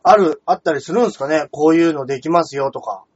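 A man co-hosting a casual comedy chat, easygoing with quick teasing replies. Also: on the high side, slightly rough. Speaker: radio and stream co-host. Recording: dull lo-fi audio with faint background noise.

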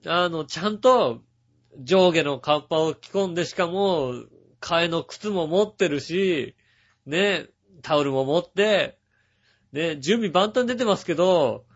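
A chatty male host spins a rambling personal story, his fairly high voice rising and falling in lively swings. The sound is dull and lo-fi. He talks casually, packing in fillers and little asides. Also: unhurried. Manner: chatty, full of filler words and asides, chuckling. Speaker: radio show host.

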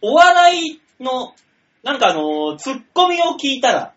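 Guy cohosting a jokey radio talk show, high voice, bouncy and playful, kinda muffled lo-fi sound. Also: unhurried. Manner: animated, joking, puts on silly voices. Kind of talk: casual comedy radio chat. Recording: dull lo-fi radio recording.

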